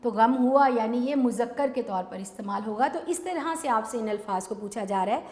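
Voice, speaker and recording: A woman's voice: a little high, a little mellow. A woman teaching an online exam-prep lesson, addressing students as children and asking and answering her own questions. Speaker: Urdu teacher. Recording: echoey hall sound.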